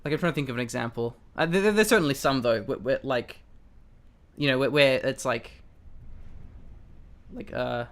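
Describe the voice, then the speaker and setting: A man's voice: mid-range voice, normal speed, long pauses. A young man with an Australian accent, co-hosting a casual chat over a webcam, rambling with many restarts and fillers. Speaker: co-host.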